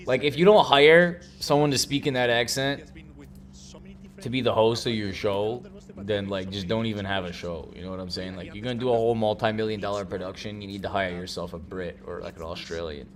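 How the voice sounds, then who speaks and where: A man hosting a live-stream watch party, chatting casually and teasing with loud bursts of mock outrage. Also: on the low side, fairly even intonation, fairly quick, crowd noise.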